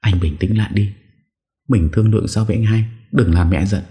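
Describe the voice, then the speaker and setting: A man's voice: lowish voice, a little fast, warm tone, voice pushed up, lightly acted. A man doing a soothing young wife. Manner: soothing, pleading. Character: young woman, a wife calming her angry husband.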